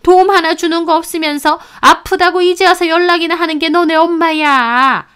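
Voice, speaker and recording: A woman's voice: extremely high pitch, steady tone, normal speed, a bit bright, pitched above the performer's own voice. A woman voicing a spiteful older mother-in-law who scolds with sneering contempt. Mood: scolding.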